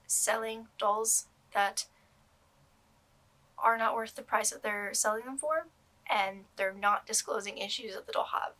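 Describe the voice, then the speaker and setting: A young woman with a bright, slightly high voice talks through a disappointing purchase in a loose, rambling way. She hedges and restarts often, filling pauses with ums and likes, like a casual chat with viewers. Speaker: doll collector vlogger. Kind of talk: casual vlog review.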